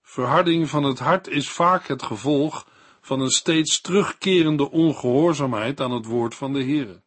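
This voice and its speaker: Slow, husky Dutch-speaking Bible teacher. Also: male voice, medium pitch, a bit bright. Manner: slow, measured and didactic. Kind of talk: scripted Bible commentary.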